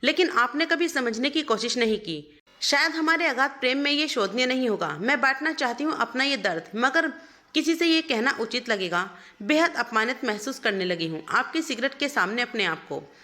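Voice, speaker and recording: A woman voicing a hurt, gentle young wife, reading her tender, pleading letter as storybook narration. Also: high voice, lively intonation, moderate pace. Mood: tender, sorrowful.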